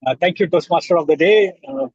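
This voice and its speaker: A man's voice: on the high side, quick pace, darkish tone, slightly rough, no echo. A man joins a club meeting over a car speakerphone while driving, speaking politely and formally as the speech evaluator. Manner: polite and formal, with courteous requests. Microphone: phone speakerphone in a car. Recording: muffled, distant car speakerphone line.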